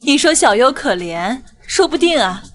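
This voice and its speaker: A middle-aged aunt by marriage who stirs up trouble with insinuations. Her voice is high and expressive, with faint music underneath. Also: moderate pace. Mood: sly. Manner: sly and insinuating.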